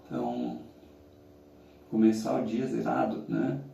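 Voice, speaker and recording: A Brazilian challenge vlogger sits in ice-cold water, musing casually in a reflective monologue of halting phrases. His voice is lowish, very dark and relaxed, with a gravelly creak. The audio is roomy and echoing, caught by a distant mic with faint noise.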